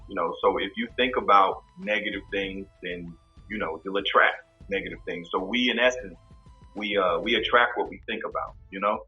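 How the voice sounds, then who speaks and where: A man in his fifties from Kansas City, Missouri, speaking as a guest in a casual interview in a relaxed, reflective way, often repeating words as he thinks. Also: on the low side, muffled recording. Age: 50s. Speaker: podcast host as guest.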